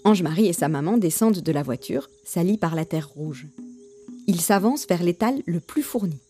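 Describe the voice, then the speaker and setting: Lively, mellow woman reading a storybook. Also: fairly low pitch, moderate pace, faint music behind. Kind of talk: storybook narration.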